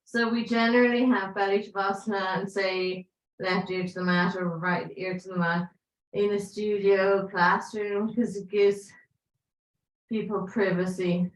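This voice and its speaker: A woman leading a live yoga class with playful, encouraging cues and breath counts, her voice going hoarse. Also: medium pitch, fairly even intonation, measured pace. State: losing her voice. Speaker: yoga teacher. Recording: echoey room.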